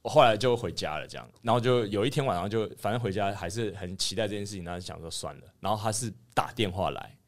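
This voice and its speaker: A young man speaks Mandarin with a Taiwanese accent. His voice sits a little low, and his words tumble out fast. He tells a long story in sheepish, rambling casual chat, full of restarts. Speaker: podcast co-host.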